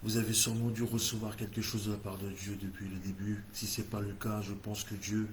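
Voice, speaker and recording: A man's voice: lowish voice, little pitch movement, fairly quick, a little hiss or hum. A man with an English-speaking accent hosting a church livestream, leading a fervent, repetitive prayer in French. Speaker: church host.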